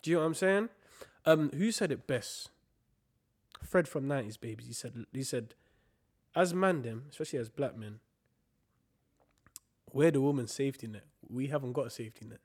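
A man's voice: mid-range voice, lively intonation, normal speed, pauses often, darkish tone. A young man with a London roadman street accent, chatting casually and emphatically in slang as a podcast co-host, repeating phrases for stress. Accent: London, multicultural street slang.

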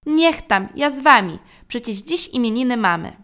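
A woman's voice: on the high side, big pitch swings, moderate pace, vocal fry. A woman voicing a cautious, grumbling father in a storybook, exclaiming fussily.

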